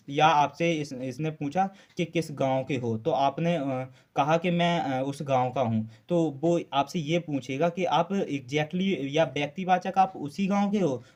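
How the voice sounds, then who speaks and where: This Hindi grammar teacher speaks on the high side, with a darkish tone. Lecturing exam students in class, he asks questions and supplies the answers himself, repeats key terms, and often says "uh."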